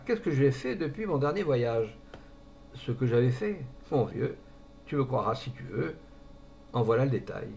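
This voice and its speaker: A man voicing a gentle, good-natured middle-aged friend who rambles on about his idle years. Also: mid-range voice, creaky, slight background noise.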